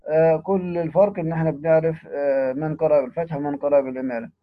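A man reads a classical text at a brisk clip, stopping for short plain as he teaches. His voice sits somewhat high for a man. The recording is dull and lo-fi, with a dry, close sound. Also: fairly even intonation, no echo. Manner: reads quoted text, then adds brief plain comments. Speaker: teacher of Quran readings. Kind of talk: reading and explaining a classical text.

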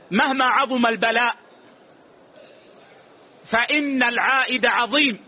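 Very high-voiced male religious teacher. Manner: measured, authoritative, closes each answer with a short "yes". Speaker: religious scholar answering questions. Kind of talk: religious lesson with questions and answers. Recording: tinny phone-like lo-fi recording.

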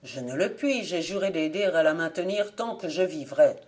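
A stubborn nobleman who complains indignantly, as voiced by a woman reading the story. The voice is fairly low, in a storybook legend. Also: lively intonation, moderate pace, darkish tone.

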